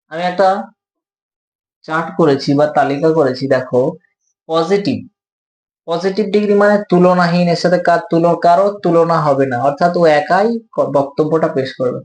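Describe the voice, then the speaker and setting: A man with a Bengali accent teaches English grammar in a patient, step-by-step way, asking questions and answering them himself. His voice sits a little high. The recording has a roomy echo. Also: darkish tone. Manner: patient, repeats key points, asks and answers his own questions. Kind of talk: explanatory lesson.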